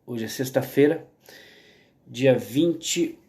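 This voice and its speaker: A man with a Brazilian Portuguese accent, vlogging to camera in a casual monologue, rambling with many restarts and tag questions at an unhurried pace. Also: medium pitch, dark tone.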